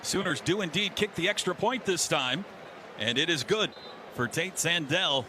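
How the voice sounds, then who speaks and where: Speaking at a moderate pace in a slightly high voice, this American man delivers football play-by-play in short, clipped phrases. He's in a stadium broadcast booth, and the live radio feed has a faint layer of noise.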